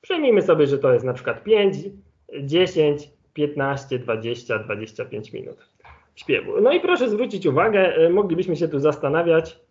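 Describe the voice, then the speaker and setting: Man, higher voice, online lecture, relaxed explanations, dull lo-fi call audio. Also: normal speed. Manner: relaxed explanatory, thinks aloud with fillers. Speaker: ornithologist giving a webinar presentation. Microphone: video call.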